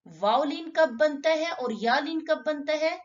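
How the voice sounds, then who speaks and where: A woman's voice: sits high, unhurried, muffled recording. A woman teaching Quran recitation step by step, asking and answering her own questions and drawing out sample syllables.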